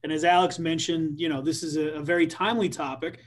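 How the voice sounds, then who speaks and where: A man's voice: fairly high pitch, steady tone, fast. A man giving an informal legal briefing as a panelist, conversational and often rephrasing himself. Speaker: employment lawyer, webinar panelist.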